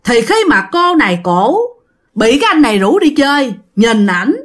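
A Southern Vietnamese woman tells a ghost story in a chatty, direct way, turning to her listeners often. Her voice sits fairly high and moves with a lively, animated pitch. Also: moderate pace.

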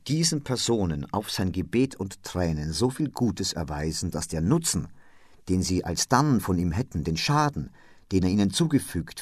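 A man narrating a classic story for public radio in a measured, composed way. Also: sits low, darkish tone, no echo, studio quality. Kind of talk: literary reading for radio drama.

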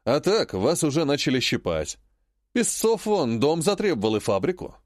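A man's voice: fairly high pitch, big pitch swings, normal speed, no echo. A man reading an audiobook, voicing a stubborn, sarcastic emperor who talks in a dry, unyielding way.

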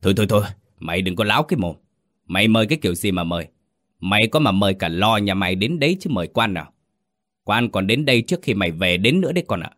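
A furious old landlord in a storybook tale, barking and sputtering at his servant. A man puts him on with a low voice that runs quick and rises sharply as he scolds. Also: expressive, a bit bright, no echo, studio quality. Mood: scolding. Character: angry old male village landlord.

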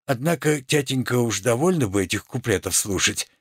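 A man's voice: medium pitch, animated, fairly quick, husky, no echo, clean studio sound, pitched below the performer's own voice. A man reading a play aloud, voicing a merchant's young son who speaks plainly and grumbles a little. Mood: grumbling.

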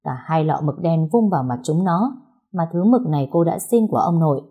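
A woman reading a story aloud as its narrator in a steady, even way. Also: deep voice, fairly quick, breathy edge, phone-quality sound.

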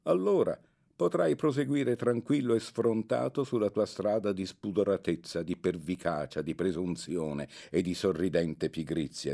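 A man's voice: lowish voice, vocal fry, mellow. A man reading the part of a stern young male schoolmate who lectures harshly and admonishes. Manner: severe, admonishing.

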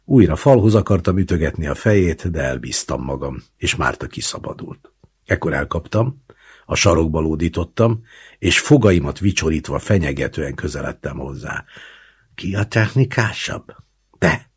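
A man reading a literary short story aloud in the first person, acting out the dialogue in a lively way. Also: a bass voice, husky. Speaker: audiobook narrator.

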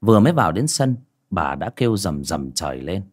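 A man narrating an audio ghost story in a dramatic, expressive reading. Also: low-pitched, brisk, slightly rough.

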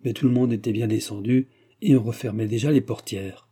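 A man narrating a classic French novel as an audiobook, in a steady, measured reading. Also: medium pitch, breathy edge.

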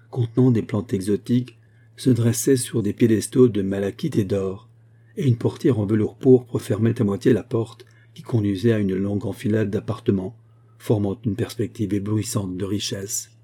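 A man narrating a classic novel in a steady, measured audiobook reading. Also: on the low side, breathy edge.

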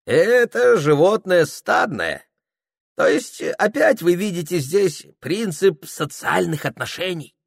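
A reader playing a tipsy, chatty exile who lectures eagerly, his voice bouncing up and down. He speaks slowly and the sound is dry and close. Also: high-pitched, big pitch swings, vocal fry, no echo, pitched above the performer's own voice, exaggerated voice. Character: drunk talkative exiled man who stammers.

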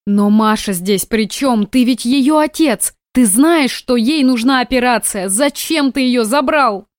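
A woman's voice: on the high side, measured pace, dry recording, pitched above the performer's own voice, natural voice. Woman reader doing a pleading, desperate young mother, dry. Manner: pleading, broken voice.

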